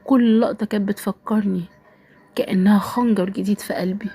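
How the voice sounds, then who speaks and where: A woman with an Egyptian Arabic accent narrates a first-person story in a soft, sorrowful tone that often drops to a half-whisper. Her voice is breathy and husky, sitting at a middle pitch for a woman. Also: fairly even intonation, brisk.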